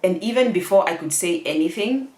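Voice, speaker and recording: A woman's voice: lowish voice, animated, fairly quick, mellow. A Kenyan woman vlogger telling a personal story candidly and emotionally, laughing often as she tells it. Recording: echoey room.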